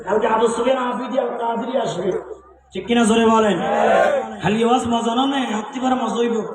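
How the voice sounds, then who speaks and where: High, chanting preacher over echoing speakers. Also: male voice, fairly even intonation, brisk, distant mic. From Khulna region, Bangladesh. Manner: sing-song chanting delivery, calling on the crowd to answer loudly. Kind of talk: outdoor religious sermon. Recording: echoey loudspeaker sound picked up from afar. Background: crowd responding.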